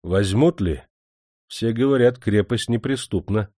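A brooding, irritable aging commander, as a male narrator puts him on speaks low and gloomily, then snaps into sharp, commanding shouts. His voice sits low and dark, recorded close and dry. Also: a little slow, dry recording. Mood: gloomy.

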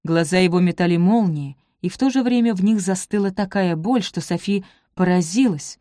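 A woman narrating a romance novel in a measured, expressive reading voice. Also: fairly low pitch, no echo, clean studio sound. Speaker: audiobook narrator.

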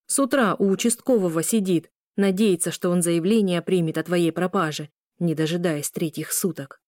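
A woman voicing a stern middle-aged mother who scolds loudly. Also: lowish voice, normal speed, no room sound, clean studio sound, natural voice. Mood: scolding. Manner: scolding, loud.

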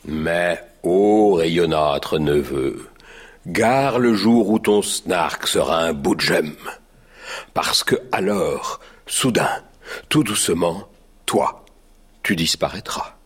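A man's voice: low voice, expressive, slow pace, breathy edge, heavily acted. A man playing a mild, timid baker who tells his woeful story in tears, in a radio drama. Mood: mournful. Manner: lamenting, tearful storytelling.

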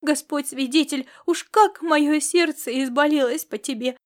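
A woman voicing a loud, bossy peasant mother who scolds and fusses in folksy speech. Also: high voice, measured pace, pitched above the performer's own voice. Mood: loud lamenting. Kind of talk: audiobook character reading.

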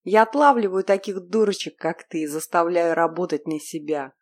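A woman's voice: lowish voice, normal speed, lightly acted. A woman voicing a cruel, callous young man who speaks in a cold, commanding and mocking way.

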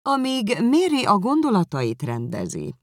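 A woman's voice: mid-range voice, huge pitch swings, darkish tone, no room sound, pitched above the performer's own voice. A woman reading aloud and voicing a dry, ironic middle-aged father who teases his family. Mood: mock-serious. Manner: mock-serious, teasing.

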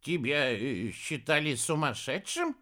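A man voicing a mild, absent-minded old granny witch who speaks slowly. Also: on the high side, sing-song, sharp tone, voice pushed up, heavily acted. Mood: mild, puzzled. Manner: slow, puzzled and mild.

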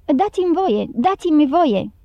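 A woman's voice: sits high, very animated, mellow, no room sound, lo-fi sound, pitched above the performer's own voice. A woman reading an audiobook voices a ragged, agitated old male beggar who pleads urgently with a crowd. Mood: urgent warning.

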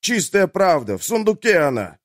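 A man's voice: big pitch swings, moderate pace, no echo, clean studio sound. A man voicing a terrified, beaten male jailer who shrilly begs for mercy. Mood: pleading. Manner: shrill, begging, panicked.

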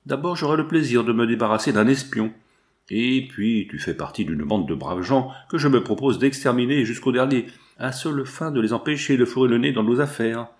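A man's voice: medium pitch, fairly quick, close to an everyday voice. A man reading the part of a mocking, gloating old male villain in disguise in an audiobook.

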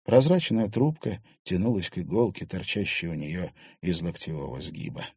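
A man narrates a novel in an even, measured way, his low voice dark and slightly husky. The recording is dry and close. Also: no echo. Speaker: audiobook reader. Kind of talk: scripted narration.

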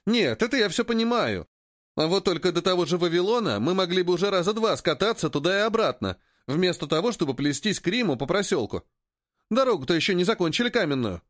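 A whiny, complaining young trader, put on by a man reading a story, pitched far above an ordinary male voice. His grumbles bounce up and down with lively intonation. The sound is close and dry. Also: fast talker, no room sound. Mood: grumbling.

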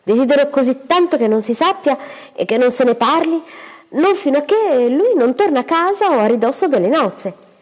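A woman's voice: high voice, animated, moderate pace, a little mellow, voice pushed up. Woman reading as a proud reserved young woman. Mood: guarded. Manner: composed and dignified. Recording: long reverberant room.

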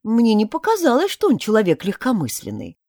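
Reader as a curious young woman asking questions, bright pitch swings, storybook. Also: huge pitch swings, brisk, dry recording, studio quality. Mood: puzzled. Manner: puzzled, questioning.

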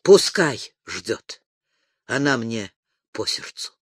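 Man doing a calm, fair-minded young sailor. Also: medium pitch, takes it slowly, breathy edge, no echo, clean studio sound, pitched below the performer's own voice, full character voice. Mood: tender.

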